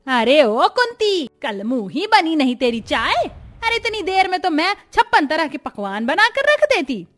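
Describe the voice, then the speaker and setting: A woman voicing a greedy, bossy old grandmother-in-law in an animated story, scolding and giving orders. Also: high voice, a little slow, voice pushed up. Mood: angry. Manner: commanding, scolding.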